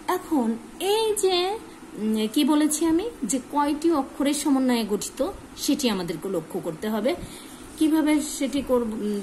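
A woman's voice: sits high, a little mellow, slight background noise, poor audio. A woman teacher giving a grammar lesson to students, patiently asking questions and then answering them herself. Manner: patient, asks and answers her own questions.

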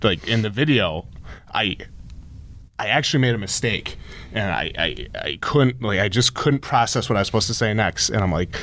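Rambling, animated male storyteller. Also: on the low side, moderate pace. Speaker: store owner and guest. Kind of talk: casual interview chat.

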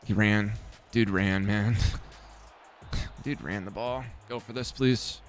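A young man giving casual, self-mocking commentary on his football video game, swearing often and swinging from excited yelling to low mumbling. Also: slow pace, soft background music. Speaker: gaming YouTuber.

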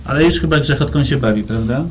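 A man hosting a studio interview in a halting, hesitant way, recorded on noisy 1990s TV tape. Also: mid-range voice. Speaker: host of a local music TV show.

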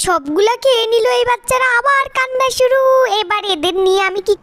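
Woman doing a super high squeaky cartoon mouse guy, panicky and whiny, sharp bright voice. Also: lively intonation, fairly quick. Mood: panicked. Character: small excitable male mouse. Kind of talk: cartoon fan dub.

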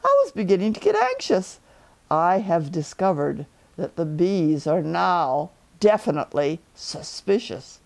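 A woman voicing an earnest, anxious little toy bear in a children's storybook, speaking in deliberate, slightly pompous phrases. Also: on the low side, big pitch swings, creaky, full character voice. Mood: anxious, practical. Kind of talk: children's storybook read aloud.

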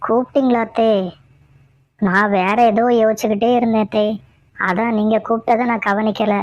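A woman's voice: fairly high pitch, fairly even intonation, moderate pace, no room sound, close to an everyday voice. Woman voicing a sulky cartoon daughter-in-law. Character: young daughter-in-law, mopey and sly. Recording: dull lo-fi dry audio.

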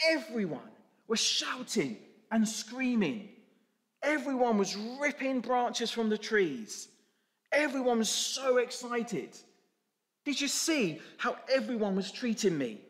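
A man voicing a boastful, self-important male donkey, talking in an excited, bragging way. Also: slow, full character voice. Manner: excited, bragging, high-pitched. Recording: echoey church hall.

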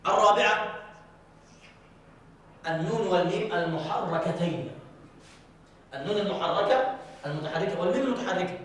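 High-voiced teacher in an echoey mosque. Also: male voice, a bit bright, a little hiss or hum. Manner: checks on students often, recites examples slowly and drawn out. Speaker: Quran recitation teacher. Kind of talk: classroom lesson with recited examples. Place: large mosque hall. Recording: very echoey hall, from far off.

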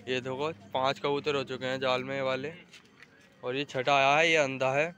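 This young man's rooftop vlog is casual and chatty as he shows his pigeons, gives his friends directions and speaks to viewers. His mid-range voice stays level and sharp at a normal speed, captured on a handheld phone camera outdoors.

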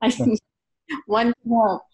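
A woman's voice: on the high side, flat delivery, slow, warm tone. A woman in her thirties moderating an online panel in a casual, informal way from a room at home. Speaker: webinar moderator. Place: indoor room on a video call.

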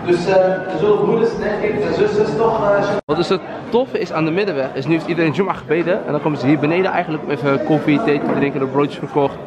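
Higher-voiced man talking slang. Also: fast, few pauses, lo-fi sound, crowd noise. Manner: Dutch street slang mixed with Arabic and English; bossy, bantering. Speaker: vlogger. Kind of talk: casual vlog chat. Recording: noisy handheld vlog audio.

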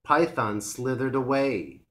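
Slow, clear storytelling man. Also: mid-range voice, expressive, fairly bright tone. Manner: slow, clear and measured reading. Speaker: English teacher. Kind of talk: storybook read-aloud for English learners.

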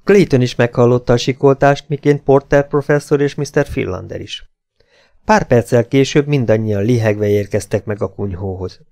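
A man narrates an adventure audiobook with a gravelly, creaky texture. His delivery is dramatic and measured, at a mid pitch for a man. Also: darkish tone.

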